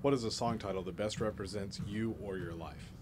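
A fast-talking man with a low voice reads short interview questions off camera, over clear background noise. He keeps his questions brisk and plain.

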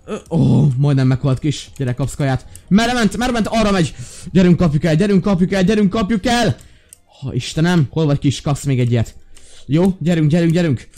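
A young man giving excited, loud commentary on his own Minecraft play, often jumping into high yelps and shouts. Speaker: gaming YouTuber.

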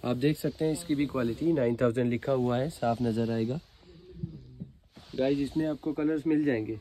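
An Indian man delivers an eager, informal teleshopping pitch, urging viewers to buy. His voice sits at a medium pitch with a dark, mellow tone. A little ambient noise runs behind him. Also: a little fast. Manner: eager, urging sales patter, repeatedly addressing viewers. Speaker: fabric seller and channel host.

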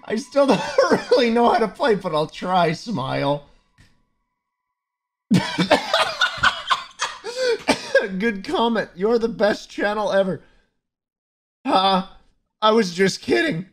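A man giving loud, excitable, swearing commentary while playing a game. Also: sits high, unhurried, background noise. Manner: excitable, swearing, laughing outbursts. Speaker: gaming streamer. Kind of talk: let's-play commentary. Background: game music.

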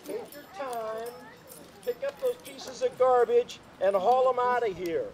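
Guy doing a fed-up cowboy lawman, high voice, firm, crowd around outdoors. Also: animated, unhurried. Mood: scornful. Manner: firm, exasperated, declaiming. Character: stern, put-upon western town marshal. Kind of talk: live comic Wild West stunt show acting. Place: outdoors in a park. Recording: outdoor park show with noisy crowd.

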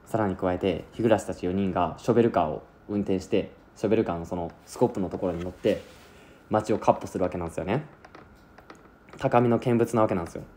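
A man's voice: deep voice, fast, mellow, slight background noise. A man recapping an anime plot in a chatty, casual way, acting out lines as he goes. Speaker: anime reviewer.

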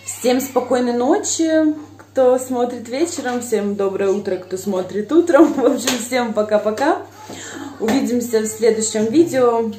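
This is a casual home vlog from a woman in her thirties, speaking to her viewers directly and chattily on a phone held at arm's length. Her voice sits on the high side, mellow and measured, in a small indoor room at night. The audio is roomy with slight background noise.

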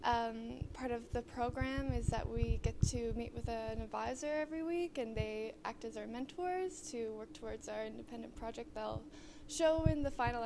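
A young woman student giving a friendly, slightly halting guided tour of a studio. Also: high-pitched, noisy background. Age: young adult.

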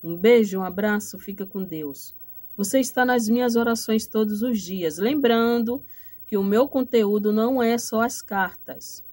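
A woman with a Brazilian accent doing a direct-to-camera tarot reading, affectionate and motherly, often tagging her phrases with a quick "tá?" and giving preachy advice with blessings. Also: on the high side, a little mellow. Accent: Brazilian Portuguese. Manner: affectionate, repetitive, ends phrases with "tá?". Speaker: tarot card reader.

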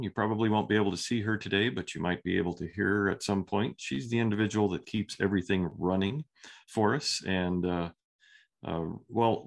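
Brief: male webinar host on a video call, low voice, easygoing and halting. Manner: halting, lots of ums and uhs. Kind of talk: casual hosting.

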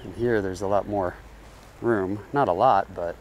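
Here the same riverbank fly-fishing vlogger speaks a little slowly in a lowish voice, against a noisy background. Recorded outdoors on a head-mounted action camera, he stays relaxed and chatty, addressing viewers as guys while talking through his casting.

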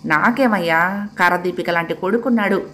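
A woman's voice: lowish voice, normal speed, fairly bright tone, natural voice. A woman voicing a grown woman who confides in an old friend, reproachful and teasing.

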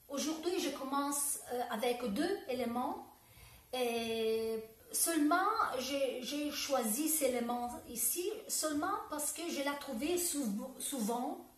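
A woman in her forties with an Italian accent, speaking French as a second language to a camera at home, slow and searching, with restarts and Italian words slipping in. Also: sits high, distant mic. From Italy. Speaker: dance teacher. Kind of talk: direct-to-camera video talk. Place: home room with bookshelves, indoors. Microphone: camera a few metres away. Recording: echoey room.

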